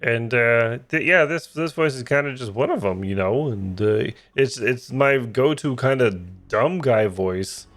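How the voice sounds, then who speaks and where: A man's voice: mid-range voice, lively intonation, unhurried, hardly any pauses, a bit bright, faint music behind. A man chatting casually while he plays a video game. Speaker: game streamer. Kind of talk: casual chat while playing.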